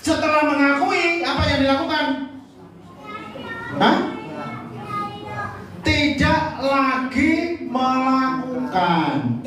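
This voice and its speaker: A male pastor with a Javanese accent gives a live sermon. He jokes and keeps quizzing the congregation, and he stretches key words slowly in a half-sung way. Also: very high voice, animated, far from the mic, a crowd in the background. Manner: jokey, quizzes the congregation with questions. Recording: very echoey hall from off-mic.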